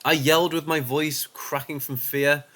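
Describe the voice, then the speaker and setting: A man narrating first-person paranormal stories as scripted narration, dropping low and quiet for the tense moments. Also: flat delivery, normal speed.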